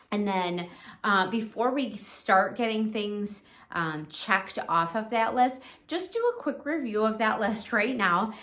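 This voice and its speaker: Slow-talking encouraging woman cleaning coach. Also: mid-range voice, pushed and bright. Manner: encouraging, chatty, with frequent ums and restarts. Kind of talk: casual instructional talk to camera.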